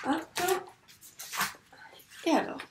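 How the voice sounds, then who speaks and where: A woman teacher giving a patient phonics lesson to a young child and sounding out words syllable by syllable. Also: background noise. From France. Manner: slow, patient, drawn-out syllables. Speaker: first-grade teacher.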